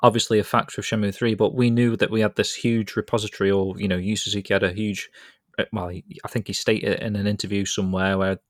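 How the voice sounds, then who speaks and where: A British-accented man hosts a casual podcast, chatting in a rambling way and laughing easily. His fairly low voice has little pitch movement and a fast pace. The clean studio recording has no room sound.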